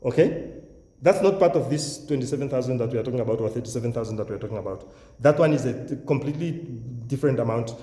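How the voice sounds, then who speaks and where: Namibian man, mellow voice in echoey room. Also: mid-range voice, expressive, fast. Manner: boastful, self-assured, repeats phrases for emphasis. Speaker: YouTube channel host, education agent and English test coach. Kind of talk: informal promotional talk to viewers.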